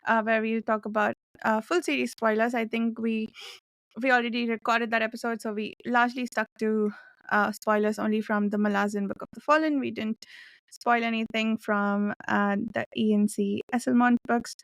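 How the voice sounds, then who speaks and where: A woman's voice: fairly high pitch, flat delivery, moderate pace, no room sound, rough recording. A woman hosting a casual book discussion podcast. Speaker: podcast host.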